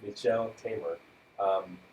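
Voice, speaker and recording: A man's voice: sits low, unhurried, reverberant, recorded from a distance, slight background noise, rough recording. A man co-hosting a radio talk show, casually presenting facts with fillers and light chuckles. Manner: relaxed, fact-reciting with fillers and light chuckles.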